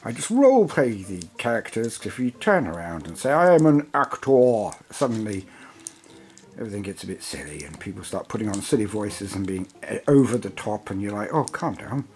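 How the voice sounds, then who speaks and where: A man talks in a loose, rambling way, drifting from point to point as a self-described waffler. His pitch jumps around a lot as he goes. He sounds tired, though he keeps the chat going. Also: sing-song, fast, few pauses, darkish tone, husky. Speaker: hobby channel host reviewing a game book. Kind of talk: casual chat.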